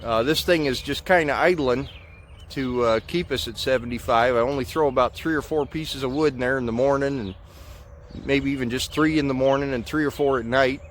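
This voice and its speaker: A man's voice: mid-range voice, brisk. An American man in his thirties chatting casually to camera outdoors in a folksy, hesitant, rambling way, his speech slightly muffled by a lip full of dip. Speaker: vlogger. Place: outdoors in a farmyard. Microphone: camera or phone at about arm's length. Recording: outdoor ambient noise.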